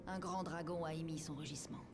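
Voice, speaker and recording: A woman voicing a solemn young male noble in a game, with a formal, measured delivery. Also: sits low, steady tone. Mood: grave. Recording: game music clearly behind.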